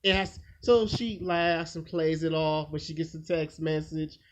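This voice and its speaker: A man's voice: a little high, flat delivery, a little slow. A man hosting his own video, telling a rambling, crude story in a blunt, casual way and acting out the quoted lines. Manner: loose rambling delivery with acted-out quotes. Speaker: video host. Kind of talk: casual monologue. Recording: dull lo-fi sound with faint noise.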